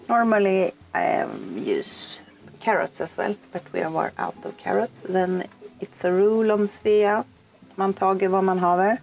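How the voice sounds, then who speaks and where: A middle-aged woman from Sweden with a Swedish accent, chatting casually in English while cooking and eating in a small boat cabin, relaxed and laughing easily. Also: mid-range voice, gravelly. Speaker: sailing vlogger.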